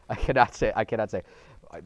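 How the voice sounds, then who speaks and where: A man co-hosting a film review show, joking and talking to the viewers in an animated, casual way. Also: on the low side, normal speed, no echo. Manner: animated, jokey, talks to viewers as folks. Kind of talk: casual movie review chat.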